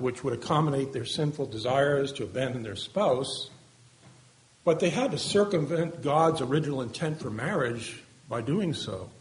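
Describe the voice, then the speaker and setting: A man preaching an earnest sermon, asking rhetorical questions and letting his voice fall at the ends of phrases. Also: mid-range voice.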